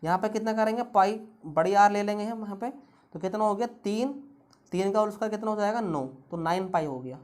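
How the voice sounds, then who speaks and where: Woman doing exam math problems, keeps asking rhetorical questions, normal pitch voice. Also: brisk, a little mellow. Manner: talks through each step with constant rhetorical questions. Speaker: math tutor. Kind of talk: exam-prep math lesson.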